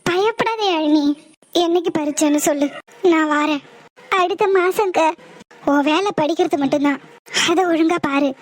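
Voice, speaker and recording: A woman plays a young cartoon wife. Her very high voice turns fretful and vain with her husband, then gentle and reassuring as an elder sister. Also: moderate pace, pauses often, close to an everyday voice. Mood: soothing.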